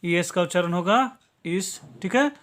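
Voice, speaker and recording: A man's voice: high voice, measured pace, fairly bright tone. Man teaching step by step, 'okay?'. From Bihar, India. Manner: patient step-by-step explaining, tags many lines with 'okay?'. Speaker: English teacher. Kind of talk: classroom-style lesson.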